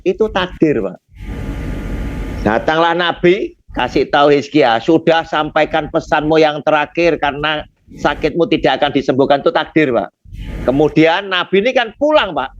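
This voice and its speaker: A man's voice: a little high, slight background noise. Man teaching Bible study, dull lo-fi sound. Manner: explanatory, asks rhetorical questions and answers them; often addresses the listener as sir. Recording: dull lo-fi recording.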